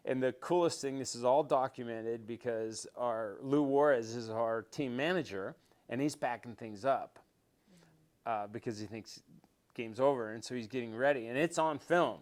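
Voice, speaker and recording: An older man with a smooth, resonant voice, looking back on old memories in a relaxed interview. He wanders through his stories with fillers and restarts, then gets lively as the tale builds. His pitch sits right in the middle for a man. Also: normal speed. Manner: rambling with many restarts and fillers, grows animated telling stories. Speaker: interview guest, former quarterback.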